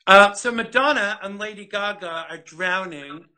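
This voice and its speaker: A man hosting an interview show, rambling and self-deprecating with many halting fillers. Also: high-pitched, bright, forceful tone, low-quality recording. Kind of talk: casual interview chat.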